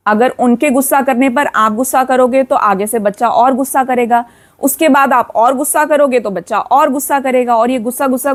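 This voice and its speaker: A woman hosting a parenting advice channel, talking earnestly to camera, repeating key points and mixing in English words. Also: sits high. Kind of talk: direct-to-camera advice talk.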